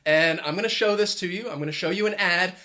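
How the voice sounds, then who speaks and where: Bright-voiced man teaching deliberately. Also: high voice. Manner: clear, deliberate, stresses key words. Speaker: English teacher. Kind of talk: explanatory video lesson.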